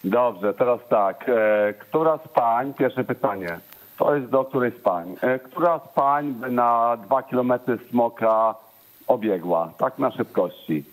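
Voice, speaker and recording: A man's voice: mid-range voice, expressive, unhurried, rough recording. A man calling in to a studio show, pushing his question and talking over others. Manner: pushy, talks over others. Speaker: caller. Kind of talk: phone-in question.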